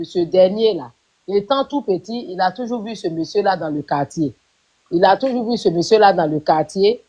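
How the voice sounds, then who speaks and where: A woman on a live-stream panel, recounting events at length in a measured way with hesitations. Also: medium pitch, a little mellow, slightly rough.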